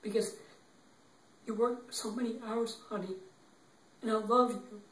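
An actor playing a young man who gently consoles his grieving girlfriend, speaking in a halting, tearful, repetitive way. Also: sits high, fairly even intonation. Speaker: actor in an improv demo reel. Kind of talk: improvised dramatic monologue. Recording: roomy, distant from the mic.

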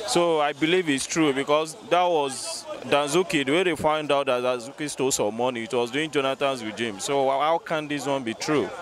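A man's voice: medium pitch, normal speed, few pauses. A young man interviewed beside a bus on a city street, firmly repeating his points into a handheld mic. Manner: firm, insistent, repeating himself. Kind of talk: street vox pop opinion. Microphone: handheld mic held by interviewer. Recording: busy street crowd behind. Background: crowd and traffic.

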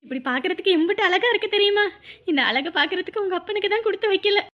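A woman playing a devoted middle-aged village mother in a family drama, speaking softly. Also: high voice, expressive, fast, lo-fi sound. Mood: tender.

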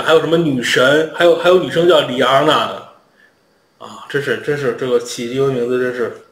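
Male vlog host, animated humorous storyteller, echoey room. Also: mid-range voice. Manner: chatty, animated, humorous anecdotes. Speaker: international education channel host.

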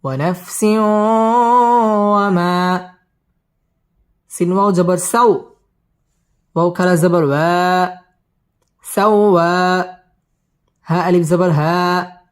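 A man teaches Quran recitation, spelling out each word letter by letter, then reciting it in a slow, drawn-out way with quick explanations of pronunciation rules in between. His voice sits high and his intonation stays fairly even.

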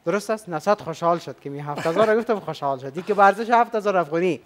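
A man's voice: sits high, lively intonation. A man with an Afghan Dari accent hosting a game show, upbeat and chatty, coaxing the contestants with questions.

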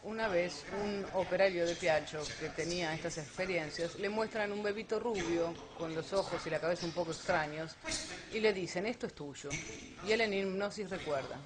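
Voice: medium pitch, moderate pace. Explaining speaker over crowd noise. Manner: explanatory, rhetorical questions. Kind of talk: lecture on alien abduction.

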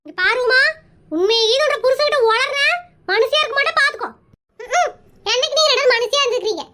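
A woman's voice: very high voice, expressive, fast talker, bright, forceful tone, exaggerated voice. A woman voicing a pushy, chatty married aunt in a cartoon comedy, who plays matchmaker and talks. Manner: brash, nosy, rambling.

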